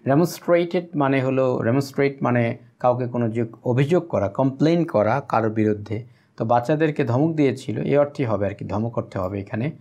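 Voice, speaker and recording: A man from Bangladesh teaching English, reading each line of a text slowly and then explaining it at length. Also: medium pitch, a little mellow. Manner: teaching pronunciation aloud.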